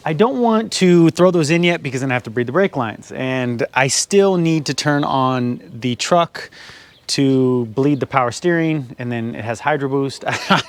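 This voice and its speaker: A man chatting casually while working on a truck in his garage, laughing often and a bit out of breath. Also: fairly high pitch. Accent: Californian English. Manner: chatty, laughs often, calls viewers guys. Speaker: garage vlogger. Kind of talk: casual how-to narration. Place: home garage.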